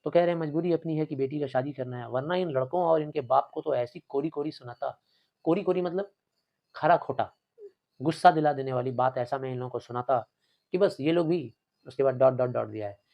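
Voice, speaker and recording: A man's voice: medium pitch, fairly quick, gravelly, muffled recording. Young guy teacher going through a play line by line, acts out the lines, explains words simply. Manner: reads lines aloud with acted voices, explains words plainly. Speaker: Hindi teacher.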